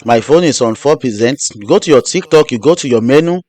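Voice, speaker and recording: A man's voice: mid-range voice, animated, fairly quick, darkish tone, no room sound. A man hosting a live stream, teaching step by step and repeating his instructions. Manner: repetitive, restarts phrases. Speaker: host.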